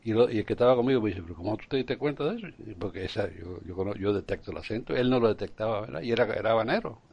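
A man's voice: fairly low pitch, animated, rapid-fire, creaky, slightly rough, lo-fi sound. A Cuban man co-hosting a podcast in casual chat, hesitant, with many fillers and restarts. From Cuba. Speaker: podcast co-host.

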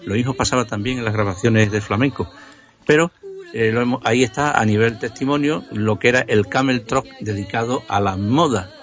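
On a dull, lo-fi recording, a man from Extremadura in Spain speaks with a Spanish accent at a medium pitch and brisk pace. As a music history contributor in a casual radio conversation, he enthusiastically explains the history behind old songs.

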